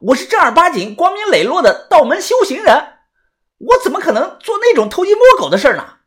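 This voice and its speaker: A man voicing a cocky, hot-tempered young Taoist man who swaggers, curses and shouts. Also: very high-pitched, sing-song, moderate pace, voice pushed up. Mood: defiant.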